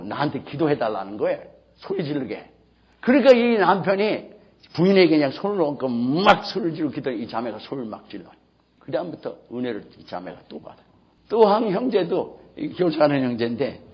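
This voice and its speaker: A male pastor delivers an emphatic sermon in a fairly high, husky voice. His pitch swings widely as he breaks into sudden shouts. The recording is dull and lo-fi. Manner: emphatic preaching that bursts into shouting.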